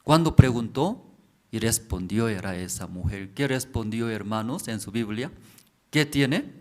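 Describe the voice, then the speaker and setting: A man's voice: fairly low pitch, moderate pace. A man preaching as a pastor. He repeats phrases and keeps asking the congregation questions. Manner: repetitive, asks the congregation questions. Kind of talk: slow sermon explaining scripture.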